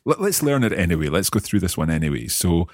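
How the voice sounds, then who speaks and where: Low, husky-voiced man learning Mandarin. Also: very animated, fast, no room sound, studio quality. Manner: curious, carefully repeats words. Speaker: host and learner. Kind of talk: language lesson chat.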